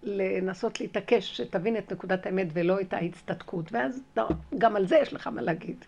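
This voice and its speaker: A woman giving a spiritual lesson through a personal story, animated and emphatic, re-enacting her own conversations and repeating key phrases. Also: medium pitch, creaky.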